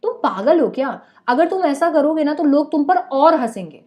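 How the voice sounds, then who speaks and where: A woman's voice: high voice, expressive, normal speed, darkish tone, pitched above the performer's own voice. A woman voicing a blunt, scornful middle-aged mother who scolds her family sarcastically.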